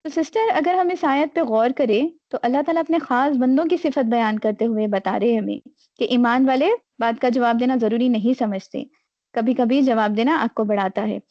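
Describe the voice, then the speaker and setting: Female workshop host, formal measured opener, slightly raised voice, dry and muffled lo-fi sound. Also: high-pitched, no echo. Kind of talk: formal introduction with recited verse.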